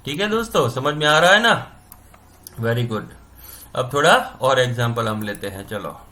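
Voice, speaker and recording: Man teaching grammar, slow and patient. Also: medium pitch, lively intonation, sharp tone. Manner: repeats sounds slowly, checks understanding with "समझ में आ रहा है ना?". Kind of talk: classroom-style explanation.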